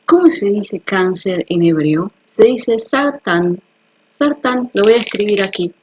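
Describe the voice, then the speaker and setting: Husky woman talking earnestly to viewers. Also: medium pitch, moderate pace, warm tone. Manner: earnest, personal, repeats "¿ok?" to check viewers follow. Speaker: health video host. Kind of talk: casual explanatory talk to viewers.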